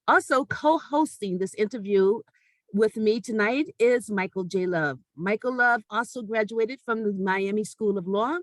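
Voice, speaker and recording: A woman host reads a formal, measured introduction over a video call. Her voice sits at a middling pitch and comes across close and dry, with no room sound around it. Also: no room sound, poor audio. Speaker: talk show host.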